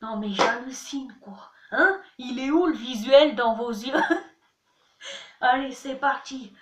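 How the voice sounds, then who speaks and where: Young woman vlogging, chatty and goofy, talks slow, voice sounds far off. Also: high-pitched. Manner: chatty, playful, self-mocking. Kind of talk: casual vlog teaching words. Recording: echoey room, mic at a distance.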